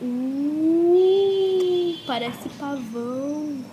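A woman with a bright, high voice chats playfully to herself and her pet at home. She lingers on her words and bursts into exclamations. The tablet's built-in mic picks up a steady layer of noise. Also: drawn-out words, lo-fi sound. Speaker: vlogger. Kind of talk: playful self-filming chat. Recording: noisy home tablet recording.

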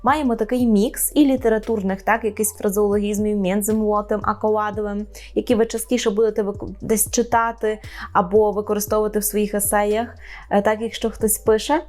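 A woman teaching an online language lesson, explaining slowly and repeating each phrase with a frequent checking "right?". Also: mid-range voice, little pitch movement, a little mellow.

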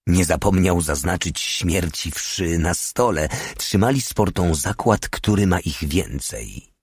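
A man reading a war novel aloud as a steady audiobook narrator, voicing each character himself. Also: low-pitched, a little slow, breathy edge, dry recording, studio quality. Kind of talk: scripted narration.

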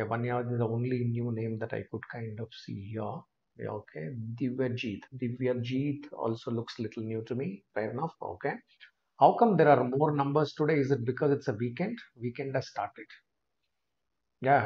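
This test prep teacher is a man in his thirties with an Indian English accent and a medium-pitched, darkish voice. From a small room he teaches a live online class and chats with viewers by name, captured by a webcam in the corner of a screen share with slightly dull lo-fi stream audio.

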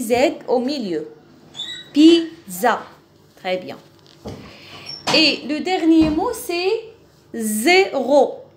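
A woman teaching a phonics lesson to children. She repeats each word slowly and deliberately. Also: on the high side. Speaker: French teacher.

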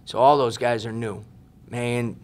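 A man's voice: medium pitch, fairly even intonation, a little slow, a little mellow. Man in his forties, basketball coach, earnest emphatic postgame answers, repeats words, table mic in a press room. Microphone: table mic on a stand.

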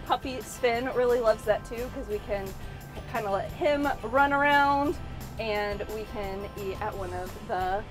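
A woman's voice: fairly high pitch, unhurried, over music. A young woman, a pastor, chatting casually with many fillers and restarts, speaking into a lapel mic inside a van. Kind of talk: casual chat.

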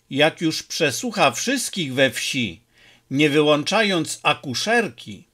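A man's voice: on the high side, a bit bright, full character voice. A man voicing a sullen, scheming male henchman in a storybook reading, talking grimly. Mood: warning.

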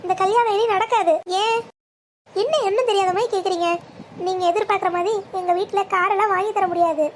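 Actor voicing a proud young bride-to-be, squeaky very high voice, pleading resolute tone, cartoon drama. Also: fairly even intonation, fast talker, slight background noise. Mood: distressed. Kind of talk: Tamil family cartoon drama.

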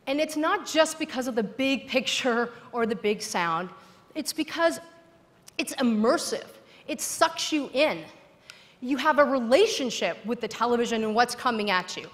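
Woman doing a keynote on a big stage, kinda high voice, punchy repeated lines, reverb from the hall. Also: expressive, moderate pace. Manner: emphatic, persuasive, rhetorical repetition. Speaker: keynote speaker. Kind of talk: conference keynote speech. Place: large stage in a conference hall.

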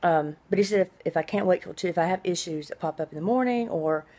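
In a small room at home, a middle-aged woman vlogs casually in a low voice, like she's updating a video diary. She talks fast and mellow, rambling conversationally, with long, hissy s sounds.

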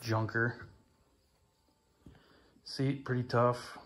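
Heavy background noise fills this handheld phone recording from a garage workshop, where a hobbyist restoring an old snowmobile gives a casual, rambling walkaround. He draws out his words in a level, medium-pitched voice, plainly spoken and often repeating "like I say."

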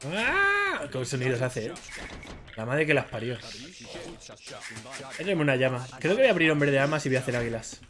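Streaming a ranked strategy game, a Spanish man from Spain chats with his viewers in slangy, casual commentary while he plays. His mid-range voice is fairly quick but pauses often, and crowd noise sits in the background.

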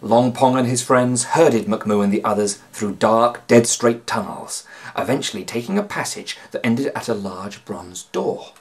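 A man, an author reading aloud, narrates a children's story expressively and dramatically from a small room at home. His voice is mid-range, and he reads at a measured pace.

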